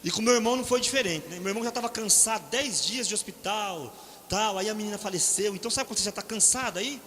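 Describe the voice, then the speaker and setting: Middle-aged Brazilian preacher, bright sharp tone, folksy storyteller, faint room noise. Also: male voice, high-pitched, fast talker. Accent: Brazilian Portuguese. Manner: conversational, frequent "né?" tag questions; acts out quoted voices in storytelling. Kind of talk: sermon with personal stories. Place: church hall. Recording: reverberant hall, faint ambient noise.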